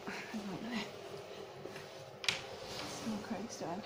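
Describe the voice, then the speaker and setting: Speaking slowly at a medium pitch, a young woman rambles and giggles through a casual vlog, holding her phone camera at arm's length. She starts inside a small flat and then heads out onto a windy street, with noise in the background throughout.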